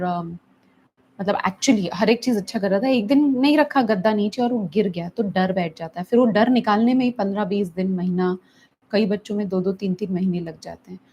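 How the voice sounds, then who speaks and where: A woman's voice: medium pitch, dark tone, slight background noise. Hindi-speaking woman therapist teaching. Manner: mixes English phrases into Hindi, acts out stressed parents in a raised voice. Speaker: therapist answering viewers' questions. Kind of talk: live teaching session.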